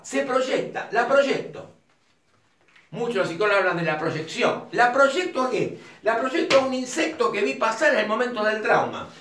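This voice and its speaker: A man's voice: extremely high pitch, fairly bright tone. A man with an Argentine Rioplatense accent teaching at a whiteboard, chatty and digressive, with colloquial asides to the viewer. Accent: Argentine Rioplatense Spanish. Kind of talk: informal whiteboard lecture. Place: room with a whiteboard. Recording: echoey room, mic at a distance.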